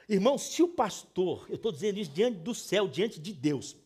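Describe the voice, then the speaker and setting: A middle-aged man from Brazil preaching a sermon as pastor, emphatic, moving between hushed pleading and loud scolding. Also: high voice, slightly rough.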